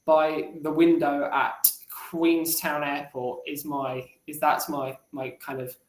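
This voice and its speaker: A man's voice: fairly high pitch, level tone, slow, reverberant. A man telling stories as a regular podcast contributor in casual chat, rambling with restarts.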